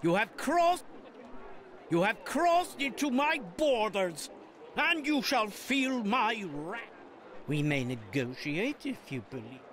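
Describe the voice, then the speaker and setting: A man's voice: high voice, sing-song, takes it slowly, a bit bright, a little hiss or hum, full character voice. A man playing a haughty Grand Librarian mage in a fantasy game, speaking in a formal, pompous, theatrical way. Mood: menacing. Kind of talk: fantasy strategy game character acting.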